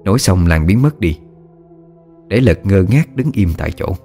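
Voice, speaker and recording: A man calmly narrating a scripted ghost story. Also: low voice, moderate pace, slightly rough, faint music behind.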